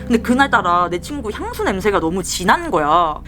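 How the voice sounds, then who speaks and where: 여성이 연기하는 생동감 있는 썰 푸는 젊은 여자. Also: female voice, medium pitch, a little fast, noisy background. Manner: lively, mimics the people in her story. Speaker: storyteller. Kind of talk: casual storytelling while doing makeup.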